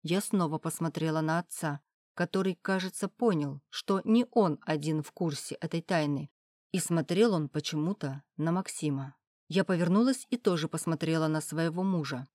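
Low-voiced woman reading an audiobook. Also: moderate pace, darkish tone, no echo, studio quality. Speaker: audiobook narrator. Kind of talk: first-person audiobook narration.

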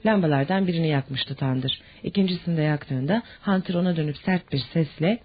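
A husky narrator reads a novel in steady audiobook narration. The sound is dull and lo-fi, with the top end rolled off. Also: medium pitch, fairly quick.

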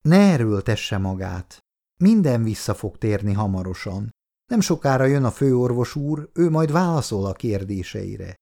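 A man reading an audiobook, voicing a calm, reassuring young female hospital nurse who asks gentle questions. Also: medium pitch, creaky.

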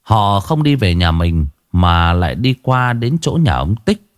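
Expressive male ghost-story narrator, lively. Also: lowish voice, a little slow, smooth, no echo, clean studio sound. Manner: expressive, dramatic reading.

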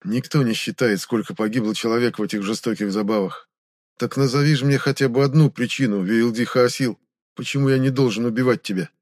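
Brief: vengeful former slave, speaks low and even, unmoved, read by a man. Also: a little fast, no echo, clean studio sound, close to an everyday voice. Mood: cold. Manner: quiet, flat and detached. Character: calm cold half-blood male slave, vengeful.

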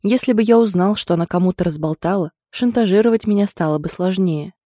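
A woman's voice: medium pitch, quick pace, dark tone, no echo, studio quality, natural voice. A woman reading an audiobook, voicing a stern, protective older brother who barks firm orders. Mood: bitter.

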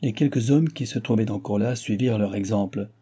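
A man reads a classic novel aloud in a measured, expressive style. His voice is low and very dark, with a husky texture running through the narration. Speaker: audiobook reader. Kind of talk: scripted narration.

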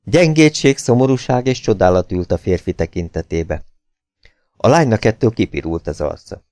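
A man narrating an audiobook in a measured, even reading. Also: on the low side, dry recording, studio quality.

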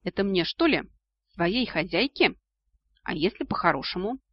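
Bold young dragon heroine, read by a man, sardonic, breathy edge, muffled audio. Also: high voice, very animated, normal speed, dry recording. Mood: sarcastic. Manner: sharp, sarcastic retorts. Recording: dull lo-fi audio.

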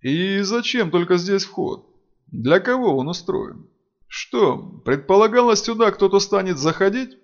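A man's voice: sits high, expressive, unhurried, highs cut off, pitched above the performer's own voice. A man reading as a stern emperor. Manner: firm, commanding. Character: stern male emperor, commanding and resolute. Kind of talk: audiobook character reading.

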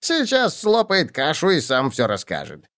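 A man's voice: a little high, huge pitch swings, a bit bright. A man doing a wry mocking goblin. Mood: explaining. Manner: mocking, quick retorts. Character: sharp-tongued male goblin, wry and shrewd.

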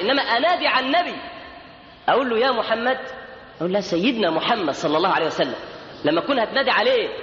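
A man's voice: very high-pitched, pushed and bright. A man with an Egyptian Arabic accent preaching a sermon in an emphatic way, sometimes chanting lines of verse. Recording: echoey lo-fi hall recording.

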